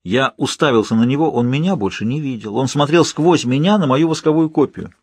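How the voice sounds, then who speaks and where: Husky man narrating an audiobook. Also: mid-range voice, fairly quick, dry recording. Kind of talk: first-person audiobook narration.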